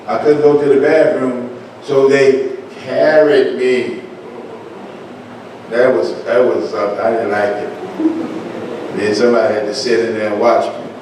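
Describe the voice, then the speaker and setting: A man's voice: mid-range voice, little pitch movement, measured pace, pauses often, a little mellow. An older man, an assistant pastor, preaching a sermon with call-and-response and folksy asides, recorded in a church sanctuary. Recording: echoey church room from far off, noisy.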